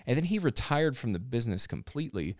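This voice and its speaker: A man hosting a podcast in a studio, chatting casually, relaxed and rambling with lots of fillers and restarts. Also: medium pitch, quick pace, no room sound. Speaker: podcast host. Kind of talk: casual chat.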